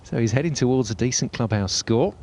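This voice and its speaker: A man's voice: mid-range voice, expressive, brisk, darkish tone, a little hiss or hum. A man working as a golf commentator, describing tournament play as it happens.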